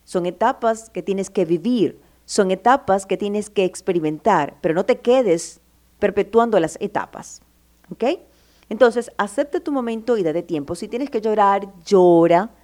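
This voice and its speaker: Speaking at a measured pace in a mid-range, darkish voice, a woman gives motivational advice with affection. She addresses the listener as "my love," presses her points with feeling, and voices the listener's inner doubts aloud.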